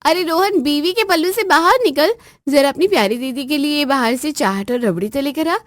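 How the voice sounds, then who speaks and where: A woman voicing a spoiled, bossy married daughter who nags and gives orders in a shrill, demanding way. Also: moderate pace, no room sound, natural voice. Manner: shrill, nagging, commanding. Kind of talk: acted family story narration.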